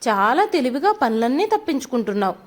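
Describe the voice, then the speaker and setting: A woman's voice: high-pitched, big pitch swings, fast. A woman reading as an arrogant, bullying rich man. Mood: angry scolding. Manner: shouting, scolding.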